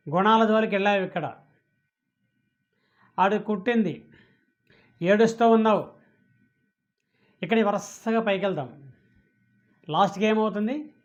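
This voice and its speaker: A man giving a spiritual discourse, asking questions and answering them himself. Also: sits high. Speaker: spiritual teacher. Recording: dull lo-fi audio.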